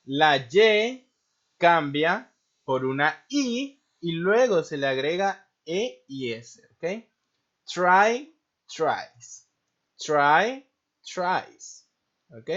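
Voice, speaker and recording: Male teacher, patient lesson voice, slightly high pitch, muffled lo-fi sound. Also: fairly bright tone. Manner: slow and patient, checks understanding with frequent tag questions. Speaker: English teacher. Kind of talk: recorded classroom lesson. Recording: muffled lo-fi recording.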